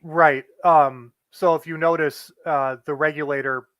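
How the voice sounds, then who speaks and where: Male guest player, slightly higher voice, monotone explainer, dry close sound. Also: a little slow, no echo. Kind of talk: casual gameplay explanation.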